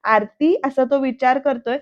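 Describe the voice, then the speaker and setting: A woman's voice: sits high, flat delivery, brisk, darkish tone, no echo, muffled recording. A woman narrating a casual voice-over recap of a TV serial, talking straight to the viewers. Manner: chatty, addresses viewers directly. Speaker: serial reviewer. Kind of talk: casual voice-over episode review.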